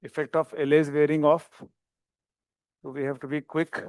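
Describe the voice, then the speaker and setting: A man's voice: on the high side, flat delivery, moderate pace, smooth, dry recording, studio quality. A man with an Indian accent giving live surgical commentary as the operating surgeon, with terse, clipped instructions to assistants.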